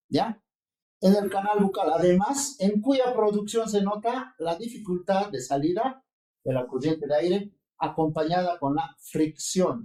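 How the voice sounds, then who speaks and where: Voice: medium pitch, dark tone. Roomy-sounding lecturer checking in with class. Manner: explains slowly, checks in with the class often. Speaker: linguistics lecturer. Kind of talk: university seminar lecture.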